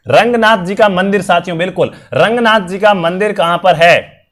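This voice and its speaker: A man's voice: high voice, normal speed, a bit bright. A young man, his voice strained and worn, teaching a live online quiz class and quizzing students over and over in an upbeat way. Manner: repetitive, upbeat quizzing with frequent fillers. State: strained, worn voice from illness and long talking. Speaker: online exam-prep teacher.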